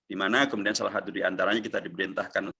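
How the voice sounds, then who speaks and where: Man's gravelly voice breaking up on a video call. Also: deep voice, steady tone, pushed and bright. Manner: measured, quoting scripture then explaining. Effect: audio breaking up over a video call. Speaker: Islamic teacher. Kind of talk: religious lecture over a video call.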